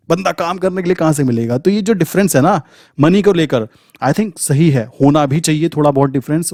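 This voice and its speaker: This man, a trading coach running a channel, speaks emphatically and colloquially in an Indian accent during an informal pep-talk lesson full of repeated lines and rhetorical questions. The voice is on the high side and darkish, captured in a studio with no room sound.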